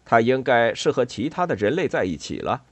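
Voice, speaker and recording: A hearty, booming gentleman bat from a storybook, as a man puts him on. He talks loud and full, with a lively rise and fall, in a dry, close sound. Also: brisk, slightly rough, dry recording.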